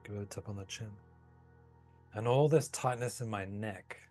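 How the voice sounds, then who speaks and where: A man with a fairly low voice leads a guided tapping session. He speaks slowly and soothingly, with soft music playing faintly behind him. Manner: calm, slow, soothing guidance. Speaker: tapping practitioner.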